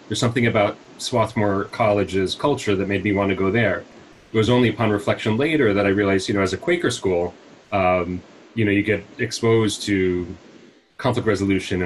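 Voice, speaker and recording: With a fairly low pitch, this US nonprofit CEO in his forties muses through interview questions, restarting often and using many fillers. He speaks over a video call on wired earbuds from a small room at home. Slight background noise runs under the low-quality recording.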